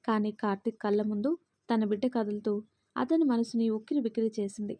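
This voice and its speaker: A woman narrating a family drama story in a steady, expressive way. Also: on the high side, fairly quick.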